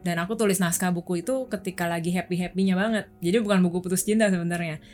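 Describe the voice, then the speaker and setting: A young woman from Indonesia talks openly about her own experiences in a relaxed chat, her voice sitting on the low side. Faint music plays quietly beneath her words. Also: fast talker. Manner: candid, personal storytelling. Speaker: guest. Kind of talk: casual chat.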